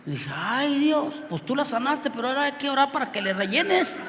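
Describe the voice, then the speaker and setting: A man with a Mexican accent preaching a sermon through a personal story, swinging from loud outbursts to quiet asides and laughing often. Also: extremely high pitch. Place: church hall with long reverb. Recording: reverberant hall, faint background noise.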